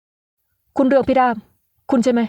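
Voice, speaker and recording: A woman reading an audiobook and voicing a proud, quick-tempered young man who speaks sternly. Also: fairly high pitch, mellow, dry recording, muffled recording, close to an everyday voice. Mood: irritated. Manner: stern, irritated. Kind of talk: audiobook character voice.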